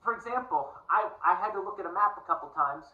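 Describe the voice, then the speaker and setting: A man's voice: sits high, animated, fast, reverberant, recorded from a distance, narrow, tinny audio. A man from the United States, talking to camera in a casual, digressive and earnest monologue. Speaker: vlogger.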